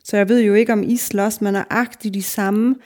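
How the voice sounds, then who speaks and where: A woman's voice: mid-range voice, fairly even intonation, darkish tone. A middle-aged woman from Denmark, a guest author in a casual podcast conversation, talking reflectively in long winding sentences full of fillers.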